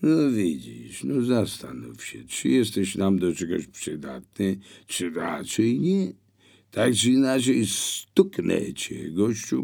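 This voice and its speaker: A man voicing a rough, bullying male burglar who talks in a brash, mocking and threatening way. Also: on the low side, darkish tone, exaggerated voice.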